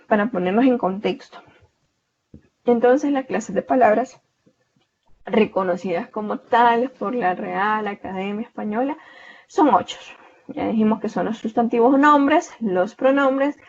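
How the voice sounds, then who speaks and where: A woman's voice: fairly high pitch, darkish tone, muffled recording. A woman tutoring an online class in a conversational, explanatory way, often stopping to rephrase. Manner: conversational, leans on "o sea" fillers. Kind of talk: online lecture. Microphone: video call.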